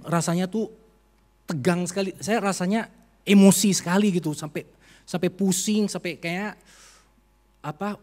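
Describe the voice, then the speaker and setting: A man with a slightly high, warm and husky voice preaches to his congregation in a church. His delivery is heartfelt and emotional as he tells a personal story. Soft band music plays faintly behind him. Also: in a large hall. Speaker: pastor. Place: church sanctuary during a service.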